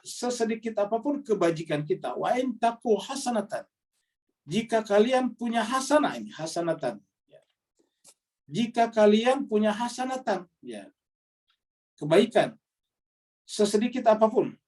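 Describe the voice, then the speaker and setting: Lively male preacher, slightly distant mic. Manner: recites Arabic verses then explains them, addressing the congregation; lively, rises in pitch on questions. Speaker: Islamic preacher. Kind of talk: Quran study sermon.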